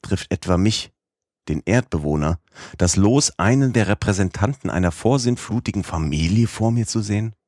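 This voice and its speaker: A man narrates a classic novel in a measured, steady reading. His voice sits very low and carries a husky grain. The sound is dry and close, with no room around it. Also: dry recording. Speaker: audiobook narrator.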